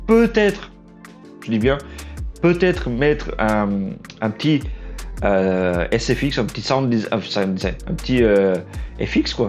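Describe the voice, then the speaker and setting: This young man, an aspiring trailer editor, hosts a casual vlog in French, which isn't his native tongue, and his Portuguese accent shows. His mid-range voice has a darkish tone and is wearing out. He talks off the cuff, halting, restarting frequently, and putting himself down.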